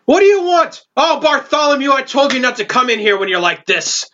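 A woman's voice: high voice, big pitch swings, fairly quick, fairly bright tone, pitched above the performer's own voice. A woman voicing a squat, blunt dwarf innkeeper woman with an exasperated, scolding manner in a tabletop game. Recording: dull lo-fi, noisy, clicks.

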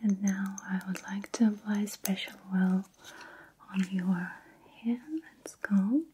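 A woman in a whispered ASMR roleplay, talking softly and soothingly to the listener as she pampers them, with phrasing. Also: mid-range voice, fairly even intonation, a little hiss or hum. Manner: soft, slow, soothing attention to the listener.

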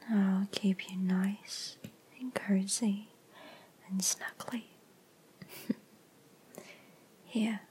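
A woman whispering softly in a soothing, lulling ASMR comfort roleplay, close to the microphone. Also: mid-range voice, a little hiss or hum. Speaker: ASMR creator.

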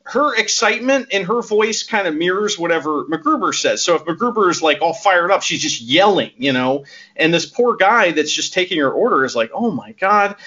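Podcast co-host, male, bright and lively, laughs a lot, dull lo-fi recording. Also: high voice, brisk, slightly rough. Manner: animated, laughs often, acts out quoted lines. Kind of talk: casual movie recap chat. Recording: dull lo-fi audio.

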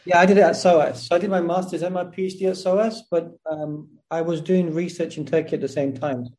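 South London man, mellow voice. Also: fairly high pitch, steady tone, a little fast. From South London, England. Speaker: interview guest, academic historian. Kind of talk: conversational interview answers.

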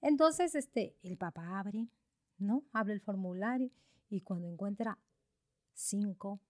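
Animated woman preaching through a story. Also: mid-range voice, slow, no echo, studio quality. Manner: animated, with frequent fillers. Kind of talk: storytelling sermon.

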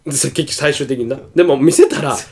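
A man with a Kansai accent telling funny stories in casual chat as a radio host, animated and laughing often. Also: mid-range voice, a little fast. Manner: animated storyteller, bursts into laughter.

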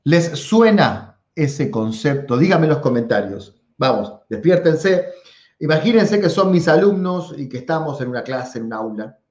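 A man with a Rioplatense accent lectures on philosophy, talking directly to his audience and repeating words for emphasis. His pitch swings widely as he explains. The sound is roomy and a little dull. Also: animated, normal speed, darkish tone, a little hiss or hum. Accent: Rioplatense Spanish. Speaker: philosophy teacher. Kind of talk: lively lecture to camera.

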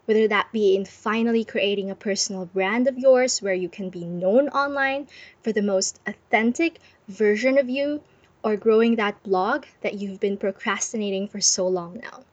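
A woman's voice: mid-range voice, normal speed, no room sound. A woman podcast host giving a chatty, encouraging talk from her bed, muffled under a blanket, with frequent giggles. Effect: muffled, close sound from under a blanket. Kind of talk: casual motivational talk. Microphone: close microphone.

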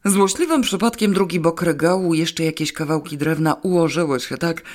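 A woman's voice: deep voice, normal speed, a little mellow. Woman reading a wry audiobook. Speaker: audiobook narrator. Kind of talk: first-person novel reading.

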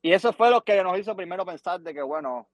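This podcast guest, a middle-aged musician from Cuba, talks fast in a high-sitting voice with a Cuban Spanish accent, and there's no room sound. Telling a long story, he grows animated, says words over and over, and performs the lines others said to him.

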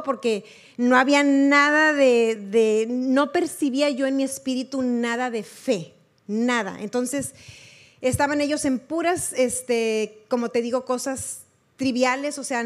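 A woman's voice: high-pitched, fairly even intonation, a little slow. A woman preaching a testimony sermon, earnest and conversational, repeating words for emphasis.

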